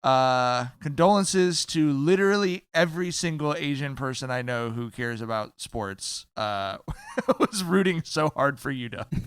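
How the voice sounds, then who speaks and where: A man co-hosting a casual podcast, chuckling as he steers the conversation. His voice is bright and clear, a touch high. It sounds dry and close to the mic. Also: lively intonation, measured pace, dry recording. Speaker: podcast co-host. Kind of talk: casual chat.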